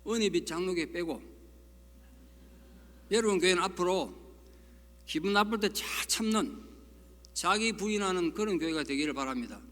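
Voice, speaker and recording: A man's voice: high-pitched, moderate pace, pauses often, bright, forceful tone. A middle-aged male pastor, preaching a folksy, emphatic sermon full of rhetorical questions. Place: church sanctuary. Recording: long reverb of a church hall.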